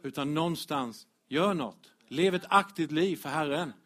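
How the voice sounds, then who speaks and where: A man preaching a lively, direct sermon as pastor to his congregation. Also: on the high side. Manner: animated, direct, addresses congregation, chuckles.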